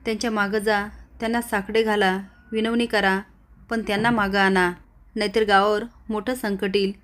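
A superstitious male village priest warns of doom in a retold serial, voiced by a woman narrator. His delivery is flat and steady. He urges the villagers to act. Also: medium pitch, normal speed, natural voice. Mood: ominous. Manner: warning, pleading.

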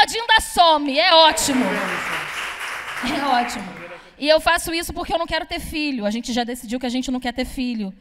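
A woman's voice: sits high, in a large hall. A young woman from Brazil, doing a brash, chatty stand-up comedy set and teasing the crowd. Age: young adult. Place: comedy club stage. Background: audience laughter.

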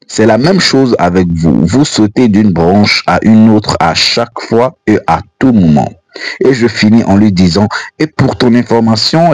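An African man who is not a native French speaker narrates for an Islamic channel in a fairly low, darkish voice. His voice-over commentary is earnest and admonishing, recorded with no room sound.

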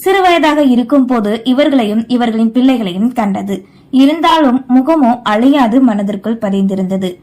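Woman, audio novel narrator, scripted storytelling, steady, high-pitched. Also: moderate pace, rough recording.

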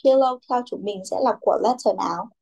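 A woman's voice: mid-range voice, a little fast, mellow, husky, muffled recording. A young woman teaching a children's English class, who calls on pupils by name, repeats their answers and mixes English words into her instructions.

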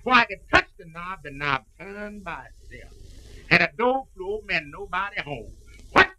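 A man's voice: sits high, animated, normal speed, sharp tone, full character voice. An actor playing a lazy, work-shy young man who trades drawling comic dialect banter, heard as early talkie film sound. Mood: spooked storytelling. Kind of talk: 1930s stage comedy dialogue.

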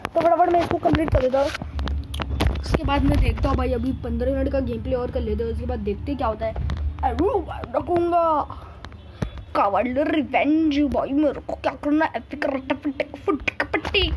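A man voicing an excitable male cartoon cat who chatters through gameplay commentary, boastful and calling everyone brother. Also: extremely high pitch, moderate pace, background noise. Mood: excited chatter. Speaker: gaming video host.

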